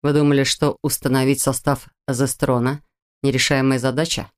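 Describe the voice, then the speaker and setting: A reader doing a low, restrained man. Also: level tone, brisk, clear, resonant tone, close to an everyday voice. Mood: tense. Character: tense protective man, pathologist.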